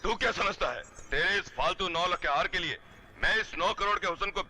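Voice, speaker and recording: A man's voice: high-pitched, brisk, bright, forceful tone, low-quality recording. An actor playing a boastful comic dacoit in a Bollywood comedy, courting a woman with flowery mock-romantic threats. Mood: swaggering. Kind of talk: Bollywood comedy film acting.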